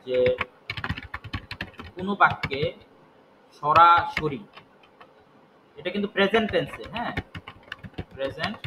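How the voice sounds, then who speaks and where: A man with a fairly high-pitched voice gives a spoken English grammar lesson over a noisy background. He works through it step by step, posing questions to himself and then answering them.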